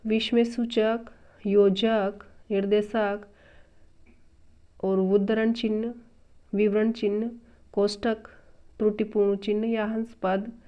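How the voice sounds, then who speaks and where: A woman's voice: mid-range voice, darkish tone. A woman teaching a grammar lesson, patiently explaining step by step from a textbook and repeating each term. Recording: dull lo-fi recording.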